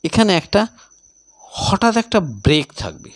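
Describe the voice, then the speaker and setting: Animated male tutor. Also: high voice. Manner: explains in Bengali mixed with English terms, reads quoted lines slowly. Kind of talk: recorded English literature lesson.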